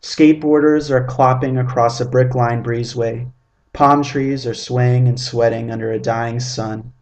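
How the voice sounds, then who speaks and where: A man in his twenties reading his own first-person story aloud in a measured, vivid, descriptive way. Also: mid-range voice, steady tone. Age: 20s.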